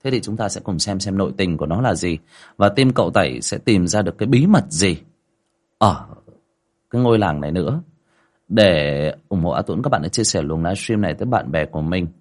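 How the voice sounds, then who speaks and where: On a livestream, a male host with a low-pitched voice reads out a village ghost story at a brisk clip. His delivery is dramatic storytelling, full of lively rises and falls.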